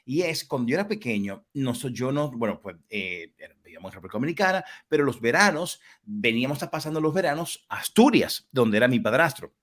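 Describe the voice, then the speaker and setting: A man hosting a livestream interview, telling stories with animated energy. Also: fairly quick, few pauses. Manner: animated storyteller with lively swings in pitch. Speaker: host.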